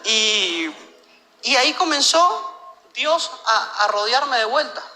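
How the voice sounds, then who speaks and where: A man from Venezuela, giving a personal religious testimony in an earnest, halting way, often repeating words. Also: very high voice, expressive, sharp tone, long reverb tail, soft background music.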